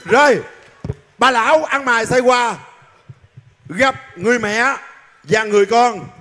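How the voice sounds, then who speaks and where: Male show host, lively, joking, narrating a skit, echoey hall, loud music. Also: very high-pitched, unhurried. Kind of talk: live stage narration. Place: outdoor traveling show stage. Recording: live stage with hall echo and loud music.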